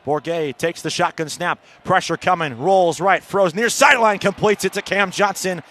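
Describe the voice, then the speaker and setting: A man with a fairly high, fairly bright voice calls college football play-by-play on live radio at normal speed. He narrates the action in short, clipped phrases, his delivery set up to lift with the big plays.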